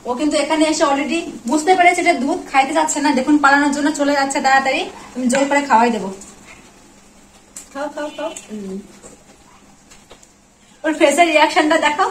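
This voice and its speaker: A woman with a high voice is vlogging casually at home, coaxing her pet dog with short, repeated words. The room is echoey, and there's a slight hiss or hum on the recording.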